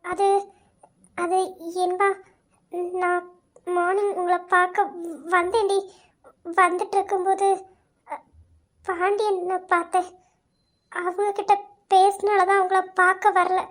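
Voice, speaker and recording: A woman's voice: very high voice, fairly even intonation, a little fast, long pauses. A woman voicing Asha, a torn young village woman who stammers and pleads in an amateur audio drama. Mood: hesitant.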